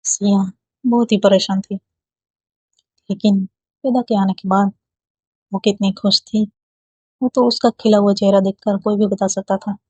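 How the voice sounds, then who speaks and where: A woman reads a romance story aloud in a calm, gentle way, her voice husky and mellow. She takes her time, speaking slowly. The recording is dry and slightly muffled. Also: medium pitch, dry recording.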